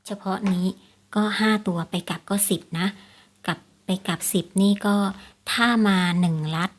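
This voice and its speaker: On her casual lottery tips vlog, a woman explains things to viewers in a fairly low voice with fairly even intonation at a moderate pace. She goes over her points repeatedly and often uses polite particles to check that viewers agree.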